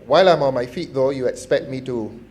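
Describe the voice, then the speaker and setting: Man, Barbadian accent, middle-aged, member of parliament, formal measured speech, mid-range voice, faint background noise. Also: medium pitch, a little mellow. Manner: measured and formal, with repeated false starts.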